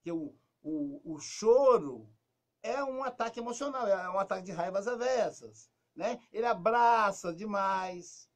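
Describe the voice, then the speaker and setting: Speaking a little slowly, a Brazilian Portuguese-accented man gives casual advice as a talk-show guest. He's lively, acting out the lines he quotes and slipping into a soft, low voice.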